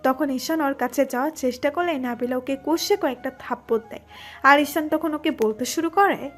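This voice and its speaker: A woman narrating a romantic audio story in a steady, dramatic manner. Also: high voice, normal speed, soft background music.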